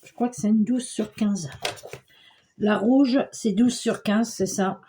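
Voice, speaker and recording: A woman's voice: mid-range voice, takes it slowly, mellow, a little hiss or hum. An older woman chatting her way through a homely crafting tutorial, describing each step as she works. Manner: chatty, homely, narrates her hands at work. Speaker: scrapbooking crafter.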